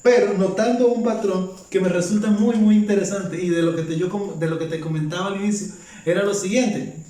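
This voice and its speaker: A man with a fairly high voice gives a casual Bible teaching for his vlog. He reads verses aloud one after another and keeps asking himself rhetorical questions. He sits back from the mic in a very echoey room. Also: fairly even intonation, fairly quick, warm tone, distant mic.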